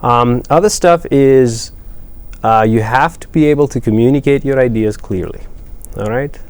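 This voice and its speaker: Man with a Greek accent, mid-pitched, math professor; unhurried, advising interview answers with fillers. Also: darkish tone, no room sound. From Greece. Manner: thoughtful, advising, with many fillers.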